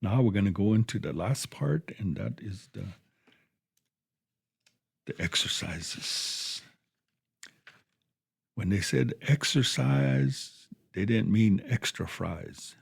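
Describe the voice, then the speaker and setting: A man teaching a language lesson on the radio, repeating each phrase twice in a slow, patient drill, with a dry folksy humor. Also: lowish voice, lively intonation, creaky, breathy edge.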